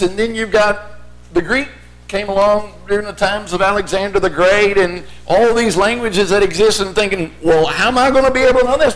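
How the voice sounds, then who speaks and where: Male preacher, high-pitched voice, explanatory sermon delivery with rhetorical questions. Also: poor audio. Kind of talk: sermon, teaching Bible basics point by point.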